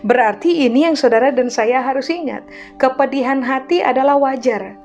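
A woman's voice: high-pitched, normal speed, darkish tone, faint music behind. A woman pastor preaching a teaching sermon, counting off points and drawing the congregation into the lesson. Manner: teaching, enumerating points, asks the congregation to repeat.

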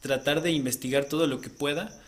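A man's voice: fairly high pitch, fairly even intonation, a little fast, fairly bright tone. A man co-hosting a casual podcast, explaining at length and often ending points with a questioning tag. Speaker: podcast co-host.

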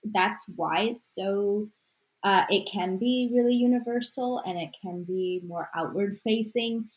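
In an interview conversation, an author born in Sri Lanka, a native Tamil speaker, responds thoughtfully while often restarting and saying "you know." Her mid-range voice is unhurried, and the recording sounds rough.

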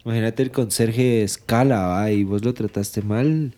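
A man's voice: fairly low pitch, moderate pace, warm tone. A man hosting a casual chat, slangy and mixing in English words.

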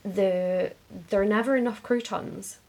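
A woman's voice: medium pitch, steady tone, a little slow, warm tone. A woman, co-hosting a podcast in casual chat, talking chattily and acting out little quotes. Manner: chatty, restarts sentences, acts out quotes. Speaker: podcast co-host.

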